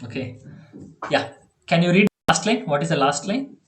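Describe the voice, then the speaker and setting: A man with an Indian English accent tutoring a child in programming on a video call, chatty and quick to laugh. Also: a little high, lively intonation, echoey room. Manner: chatty, laughs often, repeats okay and yeah. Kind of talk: online one-on-one coding lesson.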